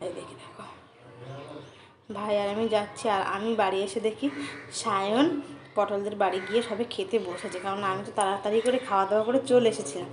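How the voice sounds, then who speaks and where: A young woman narrating a casual family vlog in a chatty way, talking softly to her young son at times. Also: medium pitch, fairly even intonation, quick pace, noisy background. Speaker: family vlogger.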